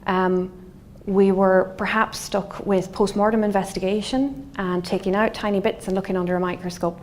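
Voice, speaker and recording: A middle-aged woman from Galway with a west of Ireland accent, a scientist giving an explanatory lecture in a thoughtful, halting, semi-conversational way. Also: mid-range voice. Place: indoor wood-panelled lecture room. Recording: faint steady room noise.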